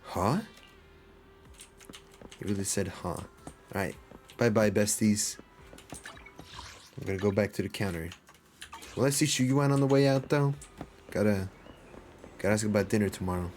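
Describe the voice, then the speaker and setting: A man's voice: fairly low pitch, moderate pace, long pauses, darkish tone, a little hiss or hum. A man streaming a story game live, joking and talking back at the characters in slang. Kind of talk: casual live-stream commentary over a game.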